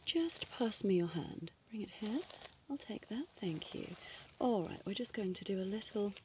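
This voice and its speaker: A woman playing a flirty, teasing female doctor in a soft ASMR role-play, coy and playfully bossy. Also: medium pitch, lively intonation, moderate pace, distant mic, a little hiss or hum, lightly acted.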